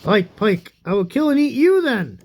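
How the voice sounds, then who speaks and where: A man voicing a hungry young male hero who shouts threats at animals in a read-aloud story. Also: high-pitched, big pitch swings, moderate pace, gravelly, background noise, voice pushed up, heavily acted. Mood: threatening. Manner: loud, blustering threats.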